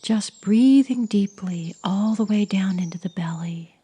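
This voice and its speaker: A woman guides a meditation at a very unhurried pace. Her voice is soft and mellow, with a husky breathiness that often drifts toward a whisper. The delivery is soothing throughout. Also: mid-range voice.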